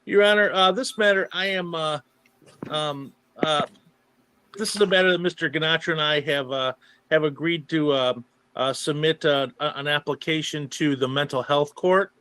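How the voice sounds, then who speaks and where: Halting male public defender, dry close sound. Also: a little high, pushed and bright, clear, resonant tone, no echo. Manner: halting, deferential. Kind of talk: courtroom address to a judge.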